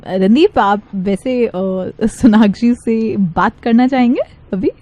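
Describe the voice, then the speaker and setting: A woman making a prank phone call, speaking in a soft, teasing and flirtatious way. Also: a little high, takes it slowly, no echo. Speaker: prank caller.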